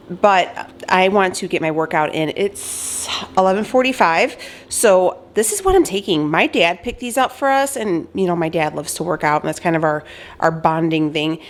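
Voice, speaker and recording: A young woman vlogger chatting loosely as she cooks in her home kitchen, filling her talk with "like" and "um", recorded by a camera on a tripod. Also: on the low side. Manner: chatty, loose, lots of fillers. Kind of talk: casual chat while cooking.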